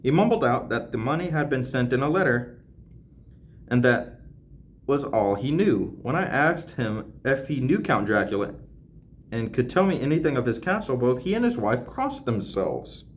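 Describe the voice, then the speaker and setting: A young man reads a classic novel aloud, stopping often for slangy jokes and laughter. His voice swings lively up and down around a middle pitch. It sounds casual and unpolished, like a home reading video. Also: moderate pace, slight background noise. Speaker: channel host.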